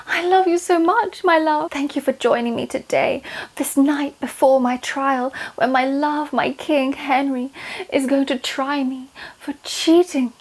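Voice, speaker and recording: A woman's voice: high-pitched, steady tone, measured pace, pitched above the performer's own voice. A woman playing a desperate young Tudor queen who begs her king in theatrical, old-fashioned speech. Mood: pleading.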